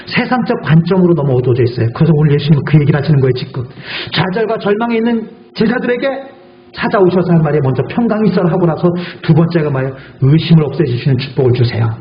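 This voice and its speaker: Fast, high-voiced man preaching. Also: lively intonation. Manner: emphatic preaching full of rhetorical questions. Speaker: guest pastor. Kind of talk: sermon. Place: church sanctuary. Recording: echoey church hall, dull audio.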